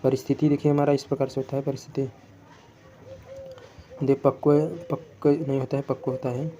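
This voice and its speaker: A man's voice: mid-range voice, level tone, normal speed, warm tone, lo-fi sound. A man teaching Hindi spelling for exam prep, going word by word and often correcting himself. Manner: self-correcting, repetitive word-by-word explanation.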